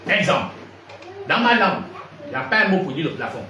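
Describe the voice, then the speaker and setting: In a slightly high voice and at a fairly quick pace, a man from Gabon teaches a congregation through his sermon. He fires off question after question, probing the listeners with lively energy. Noise and echo fill the distant recording.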